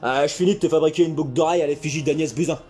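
A man doing a crude comic sketch monologue, with mock-serious asides and sudden shouts. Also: a little high, fairly even intonation, very fast, soft background music. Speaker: comedian parodying a survival show.

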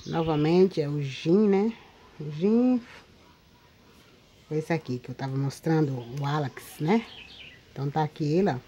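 A Brazilian woman with a lowish, mellow voice chats to her viewers, often checking in with little tag questions. She is recorded outdoors, and a faint ambience sits behind her. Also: normal speed, highs cut off, slight background noise. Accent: Brazilian Portuguese. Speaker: paper craft video maker. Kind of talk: casual show-and-tell vlog. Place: outdoors in a windy spot.

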